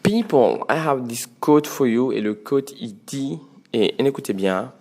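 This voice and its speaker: Slow, deliberate podcast host, a man. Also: mid-range voice, lively intonation, darkish tone. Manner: slow, deliberate delivery with hesitant fillers. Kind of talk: casual monologue.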